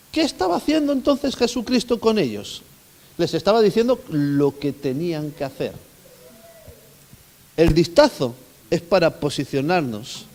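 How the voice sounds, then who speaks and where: A male pastor preaches with emphatic swings between loud calls and hushed asides, often asking the congregation questions. His voice sits high for a man. The sound rings with the long reverb of a church hall. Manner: emphatic, rising and falling dynamically, asks the congregation questions. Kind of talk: sermon.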